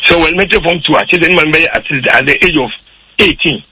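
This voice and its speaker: Raspy male caller on a phone line. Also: fairly high pitch, quick pace, pushed and bright, dry recording. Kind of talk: phone-in conversation.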